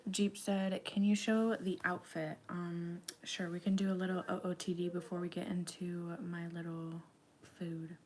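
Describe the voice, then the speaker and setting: Chatty young woman, soft whispered asides. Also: on the low side, little pitch movement, a little slow. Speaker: livestream host. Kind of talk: casual livestream chat with ASMR eating show.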